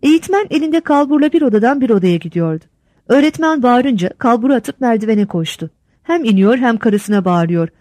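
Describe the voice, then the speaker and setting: A woman narrates a novel aloud, giving each character a voice. Her pitch sits on the higher side and moves a great deal. The sound is dry and close to the mic. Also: lively intonation, fairly quick, darkish tone, dry recording.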